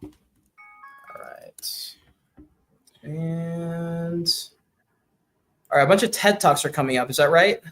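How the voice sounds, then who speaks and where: A man hosting a live online talk, easygoing and quick with short affirmations. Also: fairly high pitch, a bit bright, soft background music. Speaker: podcast host. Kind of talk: casual live chat.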